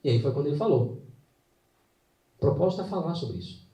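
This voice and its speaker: Man, live faith talk, earnest storytelling, dramatic pauses, roomy hall, distant mic. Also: a little high, animated, dark tone. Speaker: motivational faith speaker. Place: hall with an audience.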